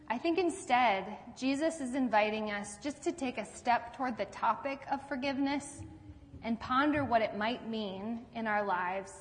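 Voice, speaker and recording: A woman's voice: on the high side, in a large hall. A woman pastor giving a sermon in a conversational storytelling way, asking her listeners questions as she goes.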